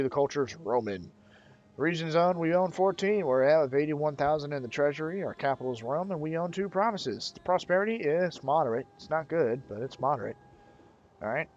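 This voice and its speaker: A man hosting a casual game tutorial in a loose, slangy way, thinking aloud with restarts and checking questions. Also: a little high. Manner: loose, slangy, keeps saying "man" and "bro". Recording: dull lo-fi recording.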